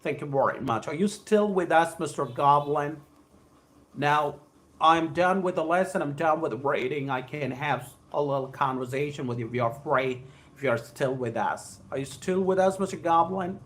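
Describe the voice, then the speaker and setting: His voice sits on the high side and sounds a bit bright, at a moderate pace, with slight background noise. A South Indian–accented man from Andhra Pradesh, he hosts a live English lesson, reading aloud and addressing viewers in a formal, effusive style with repeated phrases.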